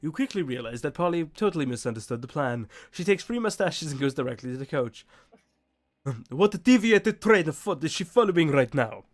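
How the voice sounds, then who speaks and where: A man hosting a group game stream, chatting casually and reading aloud in a jokey, animated way. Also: a little high, a little fast. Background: faint music.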